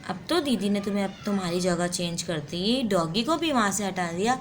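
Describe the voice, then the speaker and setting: A woman's voice: medium pitch, animated, brisk, slight background noise, lightly acted. A woman voicing a bossy little girl in a doll play story who scolds and threatens to tell on her friend.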